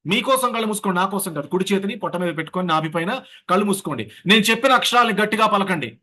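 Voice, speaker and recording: A man's voice: high-pitched, rapid-fire. A man teaching an online voice class, leading the group through breathing and syllable drills. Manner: lively, leads breathing and sound drills. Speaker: voice coach. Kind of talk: online voice workshop lecture. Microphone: video call.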